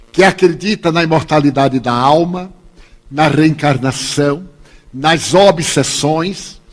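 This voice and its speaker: An older Brazilian man giving a spiritist lecture, telling humorous anecdotes and acting out the dialogue. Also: a little high. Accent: Brazilian Portuguese. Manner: humorous storyteller, acts out dialogue. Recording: long hall reverb.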